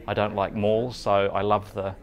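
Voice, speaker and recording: A man's voice: on the low side, level tone, normal speed. A man speaking in an upbeat way, listing what he loves, in a street interview. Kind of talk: vox pop interview.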